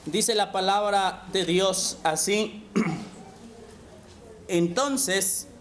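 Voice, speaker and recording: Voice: medium pitch, extremely slow. A preacher delivering a sermon, often calling the listeners brothers and asking rhetorical questions. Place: church sanctuary. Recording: echoey hall, mic from far off, faint noise.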